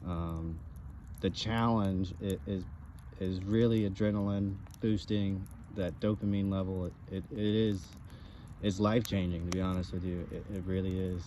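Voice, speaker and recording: Man, relaxed dark tone, halting casual co-host talk, faint outdoor ambience. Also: low voice. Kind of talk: casual chat. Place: outdoors by a campfire. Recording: outdoor ambient background noise.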